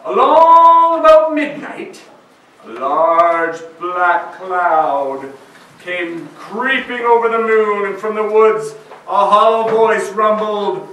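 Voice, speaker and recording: A man's voice: high-pitched, expressive, slow pace, bright, forceful tone. A man telling ghost stories at a Halloween party, with a dramatic, suspenseful delivery. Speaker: storyteller. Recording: echoey room from far off, noisy.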